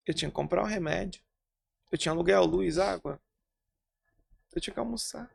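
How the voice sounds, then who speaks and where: Gravelly pastor telling stories. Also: male voice, high voice, a little fast. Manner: lively, animated storytelling. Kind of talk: testimony storytelling.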